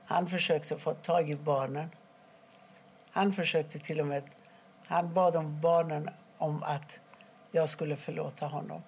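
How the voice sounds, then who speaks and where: A middle-aged woman from Iran, telling her own story in an interview, quietly and haltingly, with many pauses. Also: deep voice, level tone, a little hiss or hum. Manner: halting, quiet and emotional, pausing often. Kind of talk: personal testimony interview.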